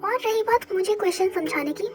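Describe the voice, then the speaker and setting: A woman's voice: very high-pitched, brisk. A young reader voicing a hot-tempered teenage schoolgirl who scolds sharply, over background music. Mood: angry. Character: fiery teenage schoolgirl, quick to anger. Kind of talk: fan story voice acting. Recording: music playing behind.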